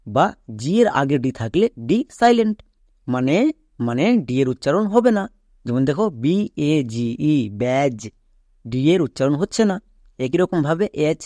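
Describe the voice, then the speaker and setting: A man teaching English spelling in an explanatory lesson. He asks the viewer questions, answers them himself, and spells words out slowly, letter by letter. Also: a little high, mellow, no room sound, clean studio sound.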